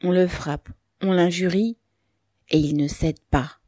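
A woman voicing a thoughtful, quiet bearded male peasant who speaks low and pensively, read from a storybook. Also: steady tone, unhurried, no room sound, clean studio sound.

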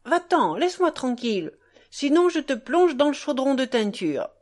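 A woman voicing a brusque young male workman who shouts to chase someone off. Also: high-pitched, big pitch swings, moderate pace, voice pushed up. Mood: irritated. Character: young male dye-works worker, brusque.

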